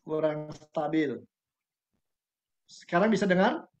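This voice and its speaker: A man with a fairly high voice, a pastor talking casually over an online call. His audio cuts in and out on a bad internet line and sounds dull and lo-fi. He speaks in halting bits, checking whether he can be heard. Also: a little mellow. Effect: choppy, breaking-up video call audio from an unstable internet connection. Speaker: pastor giving a webinar talk. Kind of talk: casual conversational talk on a video call. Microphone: computer or phone mic on a video call.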